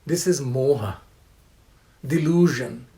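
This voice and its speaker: Slow, deliberate older male professor. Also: medium pitch, gravelly. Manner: slow, deliberate, repeats key phrases, chants Sanskrit verses; occasional soft laughs, asks rhetorical questions. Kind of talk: spoken lecture on scripture.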